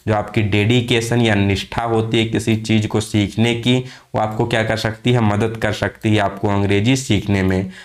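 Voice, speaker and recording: A man teaching an exam-prep lesson. He spells words out letter by letter, asks and answers his own questions, and reads English phrases slowly. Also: on the low side, flat delivery.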